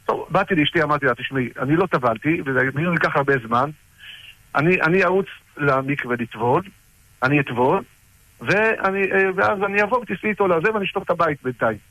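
A middle-aged man casually recounting personal stories about his rabbi, halting with frequent restarts. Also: fairly high pitch, expressive, sharp tone, no room sound, rough recording. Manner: halting, with many restarts and fillers. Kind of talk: casual storytelling.

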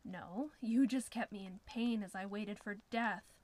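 A woman's voice: on the high side, fairly even intonation, unhurried. A woman voicing a terrified, pleading wife. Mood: defiant. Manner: pleading, breathy whispers. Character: terrified young woman escaping her abuser.

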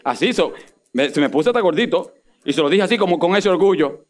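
A man preaching a sermon, swinging from loud emphatic peaks down to low asides. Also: expressive, brisk. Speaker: pastor.

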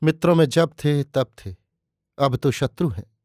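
A man voicing a sorrowful middle-aged gentleman who speaks with sighing regret in a story reading. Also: fairly high pitch, a little slow, no room sound, clean studio sound, pitched above the performer's own voice, natural voice. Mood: bitter.

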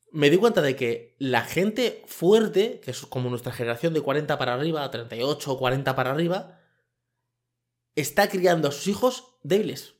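A man, hosting a podcast as a colloquial, rambling opinion monologue into a microphone. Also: medium pitch. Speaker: podcast host. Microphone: microphone with camera.

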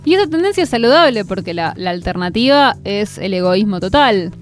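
A woman's voice: mid-range voice, brisk, faint music behind. A woman from Buenos Aires with a Rioplatense accent, chatting expressively as co-host. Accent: Rioplatense Spanish. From Buenos Aires, Argentina. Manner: lively, expressive, laughs easily. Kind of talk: casual conversation.

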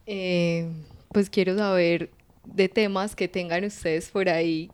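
A woman with a Paisa Colombian accent hosting a casual interview, asking quick, slangy, playful questions. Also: fairly low pitch, fairly even intonation, a little mellow, smooth. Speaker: interviewer host.

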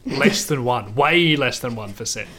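A man's voice: mid-range voice, lively intonation, unhurried, fairly bright tone, slightly rough. A man hosting and steering a casual podcast from his own room, playful and organizing. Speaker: podcast host and editor. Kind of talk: casual chat. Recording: faint background noise.

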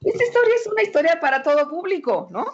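A woman storyteller telling a fable in a lively, playful way, checking in with "¿no?" tags. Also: very high-pitched, quick pace, dull audio. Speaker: storyteller, guest.

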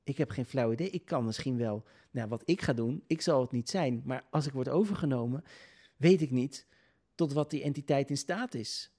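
A man telling a personal story in an earnest, hesitant way, pausing with many filler sounds and restarting his sentences. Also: medium pitch, warm tone.

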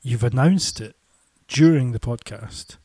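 A man co-hosts a casual podcast chat in a medium-pitched voice. The sound is dry, with no room around it. He speaks hesitantly, often rephrasing as he goes. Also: measured pace, dark tone, slightly rough, no room sound. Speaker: podcast co-host.

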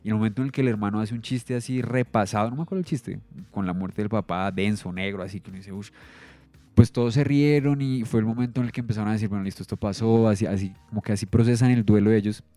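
A man's voice: fairly low pitch, quick pace, warm tone, no echo, soft background music. A man with a Colombian accent, a comedian co-hosting a casual podcast chat, laid-back and crude with lots of slang.

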